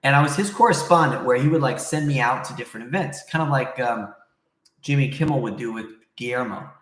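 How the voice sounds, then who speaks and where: A man's voice: medium pitch, a little fast, fairly bright tone. A man hosting a casual livestream, rambling conversationally as he answers viewers, recorded in a very echoey room. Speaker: livestream host.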